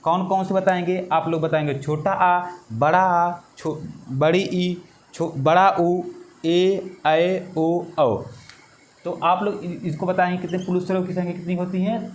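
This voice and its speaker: A man teaching an exam-prep lesson, slow and repetitive, drawing out vowel sounds. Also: a little high, a little hiss or hum.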